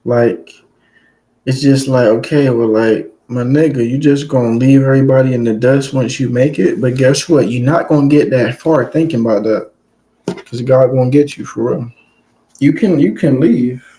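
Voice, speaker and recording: Reading a story to his chat, a male streamer pauses between passages for relaxed, jokey commentary. His voice is medium-pitched and dark, moving at a moderate pace, and the audio quality is poor.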